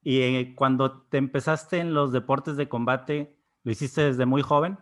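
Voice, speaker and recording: A man's voice: mid-range voice, steady tone, measured pace, fairly bright tone. A man hosting a podcast, asking a guest short, conversational questions. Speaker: podcast host. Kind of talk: interview questions.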